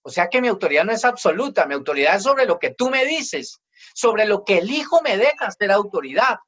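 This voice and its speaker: A man's voice: high-pitched, very animated, fairly quick, a bit bright, dull audio. A man in his forties preaching a family sermon as pastor, emphatic, and he acts out children's complaints in quoted voices.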